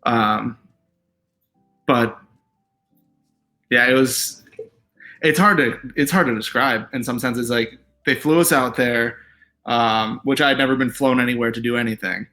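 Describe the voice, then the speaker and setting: A man's voice: mid-range voice, a little slow, pauses often, faint music behind. A man, a TV writer, talking casually in an interview, rambling with lots of fillers. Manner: relaxed, rambling, many fillers and "like"s. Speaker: TV writer guest.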